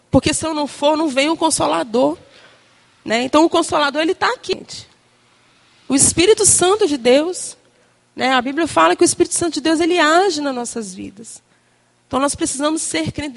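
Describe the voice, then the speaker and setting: A woman giving an informal, chatty sermon to a congregation, animated and full of tag questions and quoted asides. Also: high voice, vocal fry. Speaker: church speaker addressing women.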